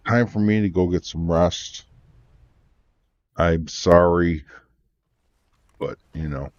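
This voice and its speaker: A man's voice: low-pitched, no room sound, lo-fi sound. A man live-streaming a game, chatting casually, sleepy and yawning, thanking his viewers. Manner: relaxed, tired, thanking viewers.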